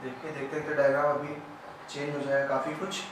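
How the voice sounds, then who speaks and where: A man teaching a biology lesson at a board. He explains step by step, asks his class if it is clear, and goes loud and then quiet as he draws. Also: on the high side, level tone, quick pace, far from the mic. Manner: loud when explaining, quiet and trailing off while drawing. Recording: very echoey room, voice off-mic, faint background hiss.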